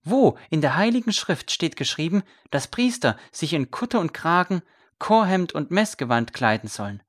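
A woman's voice: fairly low pitch, voice pushed up. A woman voicing a young man, a former royal scribe, zealous and defiant, speaking earnestly and fervently.

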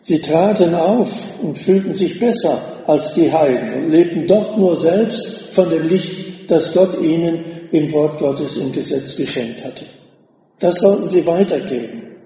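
A man delivers a sermon slowly and deliberately, his voice dark and gravelly. He sounds far from the microphone, with long reverb from a large room. Faint room ambience sits underneath. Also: on the high side. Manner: slow, measured preaching with deliberate pauses. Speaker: preacher. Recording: echoey hall, voice from a distance.

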